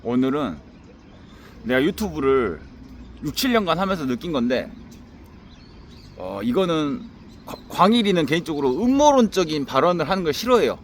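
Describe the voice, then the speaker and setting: A man's voice: on the high side, big pitch swings, moderate pace, pauses often, slight background noise. A man talking to his viewers in a blunt, profane monologue that keeps circling back and restarting phrases. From Haenam, South Jeolla, Korea. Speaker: YouTuber. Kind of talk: casual monologue to camera.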